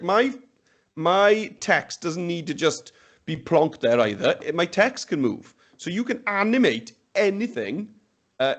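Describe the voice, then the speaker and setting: An upbeat webinar presenter, a man whose first language is Welsh, gives a live software demonstration on a video call from an indoor room. His voice is fairly high, and he's chatty, thinking aloud as he goes.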